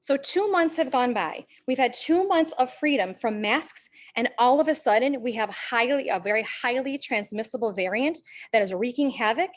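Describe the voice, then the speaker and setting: A woman who is a parent and a teacher, reading a prepared public comment and slowing to stress key words. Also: fairly high pitch, lively intonation. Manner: measured, stresses key words, slows for emphasis.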